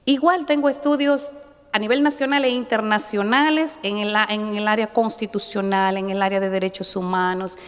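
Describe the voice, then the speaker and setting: A middle-aged woman judge and candidate gives formal testimony at a hearing, measured and a little nervous, with devout asides. Her voice is medium-pitched, steady, clear and resonant at a moderate pace, and the large hearing chamber adds long hall reverb.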